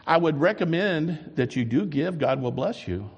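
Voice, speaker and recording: A man's voice: a little high, lively intonation, normal speed, breathy edge, dull audio. Preaching man in an echoing hall. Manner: swings from soft musing to loud emphatic preaching. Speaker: pastor. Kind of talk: sermon with closing prayer.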